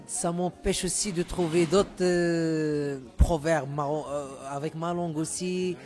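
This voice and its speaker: Man, from Morocco, Moroccan Arabic native, searching for words, casual interview talk, soft music in background. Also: on the high side, fairly even intonation, unhurried. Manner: hesitant, repeats words while searching for terms. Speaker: musician guest.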